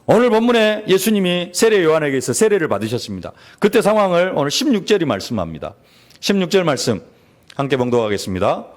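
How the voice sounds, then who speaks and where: Man, pastor, sermon, emphatic, rhetorical questions, somewhat high pitch, animated intonation. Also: fast talker. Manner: emphatic preaching with rising peaks and drops, blessing formulas, rhetorical questions. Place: church sanctuary.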